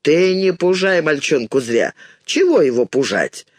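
A man's voice: fairly high pitch, very animated, a little slow, no echo. A man voicing a stern, reproachful old bearded fisherman, reading in a dry close sound. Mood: pleading.

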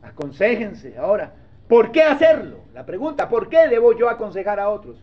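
A man's voice: high-pitched, very animated, normal speed, darkish tone. A male pastor giving a conversational sermon, often asking his listeners to agree and acting out short dialogues, in a dull lo-fi recording. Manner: acts out little dialogues.

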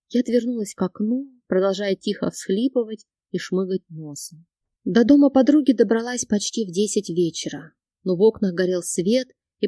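Woman narrating an audiobook warmly. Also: mid-range voice, breathy edge, dry recording, clean studio sound. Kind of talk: first-person audiobook narration.

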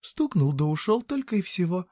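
Man voicing a young peasant woman, high pitched, pleading, coaxing, dry audiobook sound. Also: moderate pace, darkish tone, slightly rough, no echo. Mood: pleading, urging.

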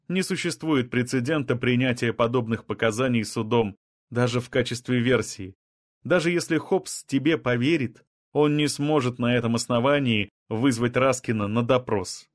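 A man's voice: medium pitch, moderate pace, dry recording, studio quality, lightly acted. A male reader voicing an anxious, insistent woman scientist who keeps pressing with questions.

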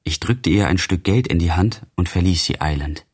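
A man narrates a classic literary work in a deep, husky voice. His delivery is impassioned and declamatory. This is a literary audiobook reading. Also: moderate pace.

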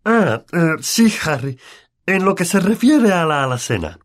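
A man's voice: high-pitched, animated, moderate pace, pitched above the performer's own voice. A man putting on a blustering, bullying uncle. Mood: agitated. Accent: Latin American Spanish. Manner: barking, curt and bullying. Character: blustering bad-tempered middle-aged uncle. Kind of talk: audiobook character voice.

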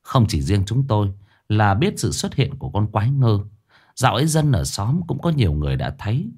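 A man telling a first-person ghost story in a lively, dramatic way. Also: on the low side. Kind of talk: scripted ghost story narration. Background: faint music.

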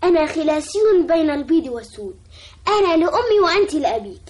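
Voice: sits high, sing-song, fast. An actor playing a sleepy, irritable young boy in a classical Arabic radio drama, grumbling and sarcastic. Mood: annoyed.

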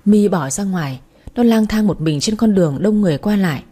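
A woman narrating a family drama story in a brisk, even storytelling manner. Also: medium pitch.

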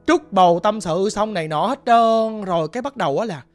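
A man with a Southern Vietnamese accent telling a ghost story in a chatty, colloquial way, swinging between hushed and loud. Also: sits high, brisk, faint music behind. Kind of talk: spoken ghost story narration.

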